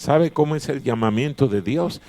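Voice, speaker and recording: A man's voice: mid-range voice, lively intonation, moderate pace, mellow. A male pastor preaching a chapel sermon, emphatic and repeating his key phrases. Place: chapel of a Bible college.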